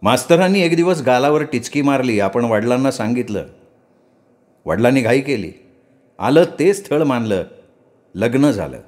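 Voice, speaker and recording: A middle-aged male storyteller giving a measured, expressive story narration. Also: mid-range voice. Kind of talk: Marathi story reading.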